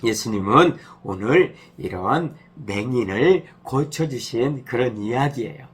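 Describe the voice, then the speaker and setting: A male pastor gently telling a story to children, acting out the cries. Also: mid-range voice, lively intonation, a little slow, slightly rough. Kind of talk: children's sermon.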